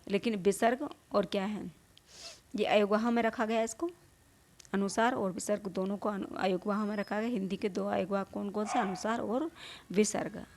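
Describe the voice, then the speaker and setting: A woman's voice: mid-range voice, steady tone, normal speed, darkish tone. A woman teaching a Hindi grammar lesson, explaining patiently, repeating points, asking rhetorical questions and sounding out vowels herself. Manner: demonstrates vowel sounds aloud.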